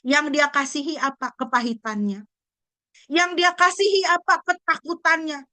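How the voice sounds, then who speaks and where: A woman pastor preaching a sermon, animated and full of rhetorical questions. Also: high-pitched, moderate pace, dry recording. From Indonesia.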